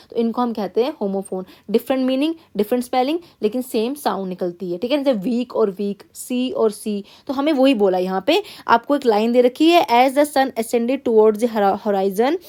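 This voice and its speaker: A woman teaching an exam-prep lesson, reading English passages slowly and checking in with her students again and again. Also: on the high side, darkish tone. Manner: repeats "theek hai na" as a check-in, reads English passages slowly. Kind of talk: classroom-style exam lesson.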